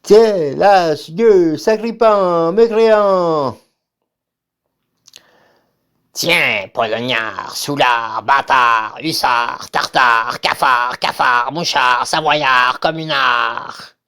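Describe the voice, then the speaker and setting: A man playing a pompous, cowardly usurper king in a stage farce, with gravelly, menacing evil-emperor bluster. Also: on the high side, extremely slow, bright, forceful tone, exaggerated voice. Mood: blustering, insulting. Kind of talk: theatrical farce acting.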